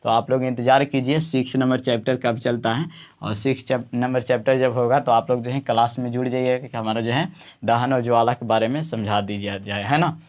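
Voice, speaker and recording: A male teacher walks his students through what is coming in the course. He explains casually and rambles, piling on fillers and tag questions, and his voice sits at an ordinary middle pitch. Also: fairly even intonation, fairly quick, a little mellow. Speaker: science teacher.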